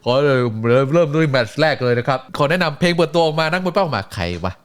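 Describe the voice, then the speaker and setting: A man's voice: a little high, fast. A man streaming, telling a story in casual chat with crude slang and acted-out voices.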